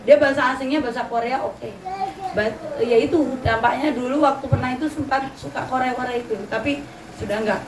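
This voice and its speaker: A woman's voice: high voice, steady tone, brisk. A middle-aged woman with a Javanese accent gives a chatty, anecdote-filled religious talk to mothers, slipping in Javanese words. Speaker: religious teacher. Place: open pavilion hall. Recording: roomy echo, distant mic, ambient noise.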